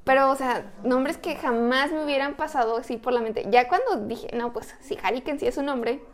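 A woman's voice: sits high, moderate pace. A woman with a Mexican accent, co-hosting a podcast and telling stories in a chatty, slangy way. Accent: Mexican Spanish. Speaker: podcast co-host. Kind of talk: casual chat.

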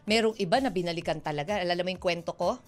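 A woman co-hosting a radio show, talking in animated, playful banter and laughing easily. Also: lowish voice, quick pace. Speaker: radio co-host.

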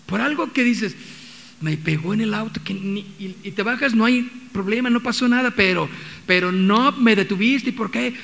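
A man with a Mexican accent preaches a sermon as a pastor in a church hall, his very high, creaky voice fairly bright and at normal speed. He speaks conversationally, restarting often and acting out quotes, with the hall's long reverb all around him.

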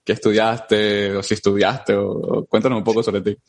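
A man hosting a casual interview, lively and repetitive as he asks questions. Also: lowish voice, normal speed. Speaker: interviewer host.

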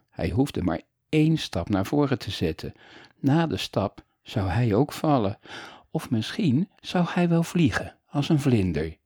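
Expressive, husky male storyteller. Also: on the low side, no echo, studio quality. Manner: expressive, shifting between lively and hushed. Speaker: audiobook narrator. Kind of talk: storybook reading for children.

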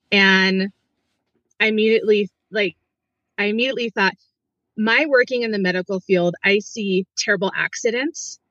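A middle-aged woman speaks earnestly and haltingly, pausing and restarting as she recounts something painful. Her voice sits at an ordinary pitch, recorded dry and close with a slightly dull, muffled tone. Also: fairly bright tone, dry recording. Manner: earnest, hesitant, many restarts and fillers. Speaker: guest. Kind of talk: personal story in an interview.

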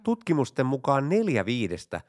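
Deadpan man reading jokes. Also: medium pitch. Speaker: joke narrator. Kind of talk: scripted joke reading.

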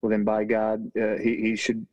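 A man's voice: lowish voice, completely flat delivery, moderate pace, darkish tone, no echo, highs cut off. A man on a casual sports podcast, speaking emphatically and critically about decisions he disagrees with.

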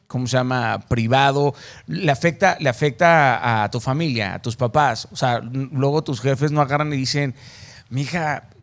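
A man with a Mexican accent hosting an interview, asking long, winding questions full of slang. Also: mid-range voice. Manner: rambling questions with many fillers and restarts, slangy. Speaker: interviewer, host. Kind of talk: casual interview.

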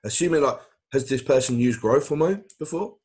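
A man's voice: mid-range voice, animated, a little fast, a little mellow, husky. A man co-hosting a casual podcast, laid-back but explaining technical detail at length. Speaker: podcast co-host. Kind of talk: casual chat.

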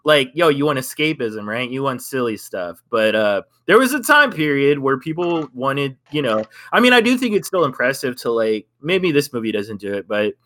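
A man's voice: medium pitch, big pitch swings, normal speed, few pauses, pushed and bright. A young man co-hosting a podcast, reviewing a film in a rambling, hedging way and laughing often. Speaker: podcast co-host. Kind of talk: casual film review chat.

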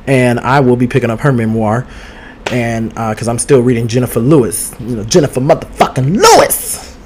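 A man's voice: medium pitch, a little mellow, a little hiss or hum. A man hosting a podcast with a casual gossip chat, sassy and outspoken, swearing freely and talking straight to his listeners while streaming from home. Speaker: podcast host. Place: home studio. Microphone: streaming with two cameras.

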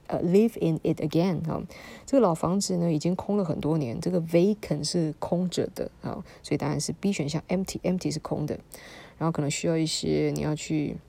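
A woman's voice: low-pitched, creaky, warm tone. A woman, an English teacher going through vocabulary test answers in a chatty way and spelling words letter by letter.

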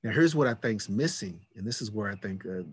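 Earnest man in his fifties, husky voice. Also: fairly low pitch, lively intonation, fairly quick, dry recording. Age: 50s. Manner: earnest, repeats key words. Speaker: podcast host. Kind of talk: reflective conversation.

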